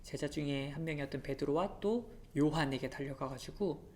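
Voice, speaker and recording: A woman teacher telling a Bible story to children in an animated, expressive way, often asking them questions. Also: sits low, moderate pace.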